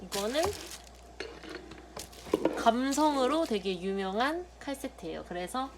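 A woman's voice: a little high, lively intonation, unhurried. Chatty young woman unboxing, noisy background. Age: young adult. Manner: chatty, playful, muttering softly while handling items. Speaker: vlogger. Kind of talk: unboxing vlog narration. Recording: loud background noise.

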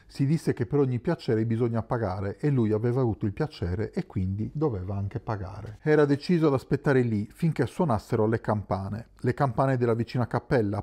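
A man narrating a literary novel as an audiobook in a calm, measured way. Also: mid-range voice. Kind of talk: scripted narration.

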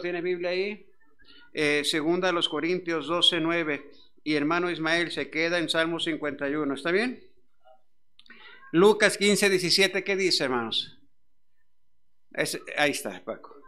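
A middle-aged pastor with a fairly high-pitched voice preaches a sermon. He tells a personal story, swinging widely between hushed and loud.

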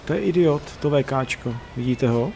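A young man playing a tank game with friends, giving an excitable running commentary with a lot of swearing. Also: medium pitch, creaky, slight background noise. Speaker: teammate in the game. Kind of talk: casual gaming chat.

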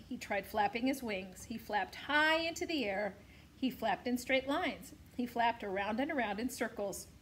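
A woman teacher reading a children's novel aloud to her class, expressive, with small slips now and then. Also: a little high, slight background noise. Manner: expressive read-aloud with occasional slips and throat clearing.

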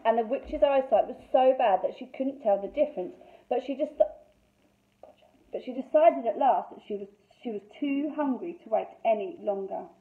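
A woman teacher reading a fairy tale aloud to young children in an expressive, lively storytelling voice, on a thin phone-like recording. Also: a little high, normal speed. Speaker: infant school teacher.

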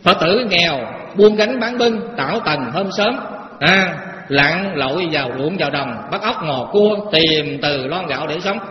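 High-voiced monk preaching in an echoing hall. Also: male voice, animated, unhurried. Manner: folksy storytelling with rhetorical questions to the audience. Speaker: Buddhist monk teaching lay followers. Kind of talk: Dharma talk to a live audience. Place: temple hall with a live audience. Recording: echoey hall, dull lo-fi sound, faint noise.

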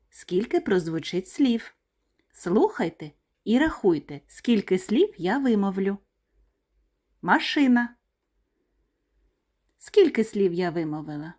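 A woman teaching small children in a slow, sing-song lesson voice, pronouncing each word clearly and deliberately. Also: medium pitch, darkish tone. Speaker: kindergarten teacher.

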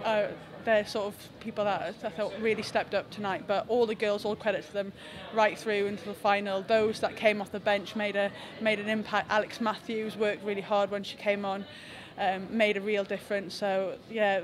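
A young woman, a rugby team captain, giving a halting, reflective post-match press interview indoors into handheld mics held close. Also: medium pitch, level tone, a crowd in the background. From England. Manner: reflective, halting with frequent restarts. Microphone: several handheld press mics close to her face.

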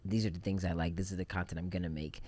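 Male podcast guest, thirties, low voice, relaxed and reflective. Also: rapid-fire. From Japan. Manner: relaxed, reflective, many fillers. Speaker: podcast guest, film director. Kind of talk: casual interview chat. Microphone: studio mic on boom arm.

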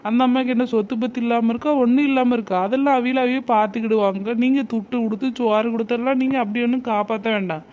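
A woman's voice: fairly high pitch, steady tone, fast, a little mellow, muffled recording, lightly acted. A woman voicing a soothing young friend in a cartoon, speaking reassuringly. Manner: reassuring, pleading.

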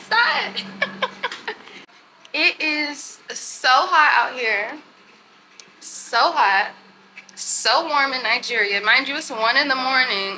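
This is a chatty, animated young woman vlogging to her audience as a traveler, moving between a hotel room and a night-time balcony over a city street. The sound, from a handheld phone at arm's length, has a little hiss or hum under her high-pitched voice.

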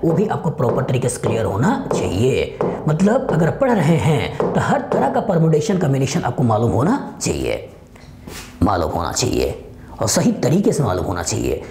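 A man's voice: on the high side, mellow. A middle-aged male chemistry teacher recaps a topic for exam students, earnestly repeating a refrain as he drills each key point in front of a digital board. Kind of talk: exam-prep lecture recap. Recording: roomy studio echo.

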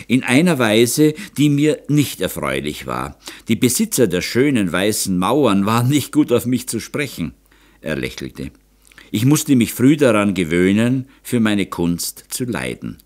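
A gentle, thoughtful painter, voiced by a male narrator in a low, even-tempered voice. He tells and explains with calm reflection, his phrasing rising and falling expressively in a read-aloud novel. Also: measured pace. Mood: reflective.

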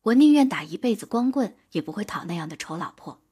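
A woman voicing a defiant, sharp-tongued young village boy, blunt and cheeky, in an audiobook. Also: mid-range voice, big pitch swings, fast, breathy edge.

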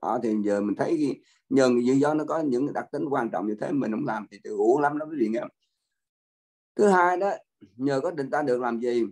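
A man's voice: mid-range voice, expressive, fairly quick, darkish tone. An older man, a Buddhist monk, giving a folksy dharma talk that repeats itself and speaks straight to the listeners. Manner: folksy, repetitive, addresses listeners directly.

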